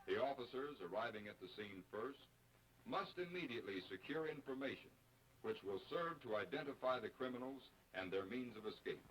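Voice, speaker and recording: Male American narrator for a 1950s-style training film: formal, measured, instructional read, vintage film sound. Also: mid-range voice, animated, a bit bright, slight background noise, low-quality recording.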